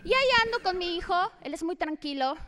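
A woman's voice: very high-pitched, lively intonation, quick pace, background noise. A woman, telling a brash, swearing stand-up set on stage. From Mexico. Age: 30s. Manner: brash, swearing, punchy storytelling. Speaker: stand-up comedian. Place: comedy stage before a laughing audience.

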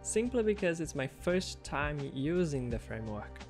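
Soft music plays under this upbeat, casual voice-over from a Portuguese-speaking male web developer vlogger talking through a coding project. He speaks at a moderate pace in a higher register, with big swings in pitch.

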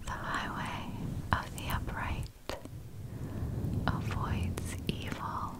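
A woman whispers a reading in ASMR style, hands cupped close around the mic. Her voice is breathy and unvoiced. She goes extremely slowly, setting out each short phrase deliberately with long gaps between. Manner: slow, deliberate phrasing with long pauses, words sometimes repeated. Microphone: close microphone with hands cupped around it.

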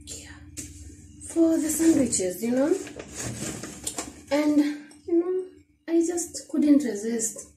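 A woman's voice: high-pitched, animated, slow, pauses often, dark tone, distant mic, faint music behind. A young Kenyan woman in her twenties with a Kenyan accent, chatting casually at home about her grocery haul, repeating words and dropping in Swahili phrases. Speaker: vlogger. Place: small room at home, indoors. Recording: echoey room, a little off-mic, faint noise.

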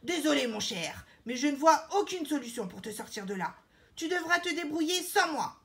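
A haughty old lion king, put on by a woman reading a storybook. He speaks in a loud, commanding way and looks down on everyone around him. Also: high-pitched, expressive, normal speed, pitched above the performer's own voice. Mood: dismissive.

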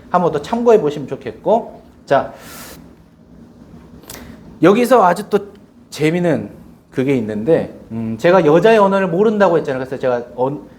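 Animated male pastor telling stories. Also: high voice. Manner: animated storytelling with acted quotes. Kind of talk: sermon. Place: church.

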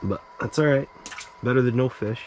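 A man's voice: mid-range voice, normal speed, slight background noise. A man filming himself ice fishing inside a small shelter, talking casually to the camera and to the fish he pulls up. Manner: relaxed, talks to the fish, drops to a hushed whisper when excited. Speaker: outdoor vlogger. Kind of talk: casual solo fishing commentary.

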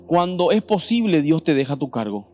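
A man with a Paraguayan Spanish accent preaching a sermon as pastor at a church service, animated and questioning the congregation directly. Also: fairly high pitch, fairly quick, soft background music.

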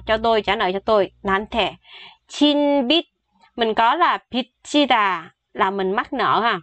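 A woman, chattily explaining Korean phrases and repeating each one slowly for learners. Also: a little high, fairly bright tone, dry recording. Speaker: Korean language teacher.

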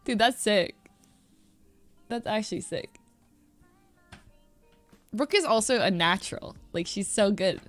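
A woman's voice: mid-range voice, lively intonation, slow, pauses often, soft background music. A woman livestreamer giving casual reaction commentary over livestream headset audio, giggling as she reads names aloud. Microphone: headset mic.

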